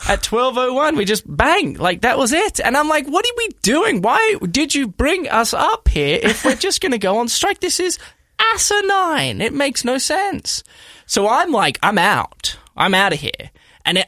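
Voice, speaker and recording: Man, 30s, Australian accent, gravelly voice, bright tone, casual rambling podcast chat. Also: on the high side, no echo, clean studio sound. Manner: rambling, animated, lots of fillers and restarts. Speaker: podcast co-host.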